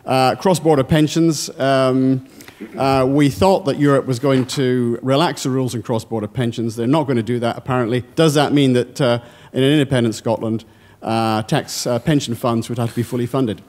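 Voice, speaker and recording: A male journalist in the audience poses a precise, dry two-part question to the panel. His voice sits at a middle pitch, with nothing unusual in its tone. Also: fairly even intonation, moderate pace, darkish tone.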